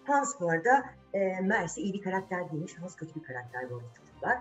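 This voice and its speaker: Over faint music, a woman with a lowish voice retells a fairy tale for children, talking very fast and very animatedly. A channel host, she tells it dramatically and conversationally, posing rhetorical questions and repeating phrases to build suspense.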